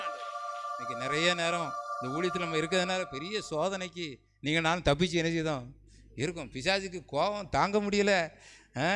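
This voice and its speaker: A male preacher giving a call-and-response sermon. He keeps asking rhetorical questions, answers them himself, and calls on the crowd to say hallelujah loudly. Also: sits high. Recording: loud music behind the voice. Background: instrument music.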